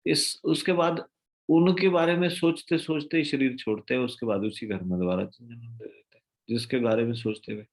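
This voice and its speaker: A man's voice: mid-range voice, fairly even intonation, moderate pace. A man giving a devotional scripture lecture, telling stories, asking rhetorical questions and slipping in English phrases. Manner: storytelling, mixing in English phrases. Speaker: spiritual lecturer.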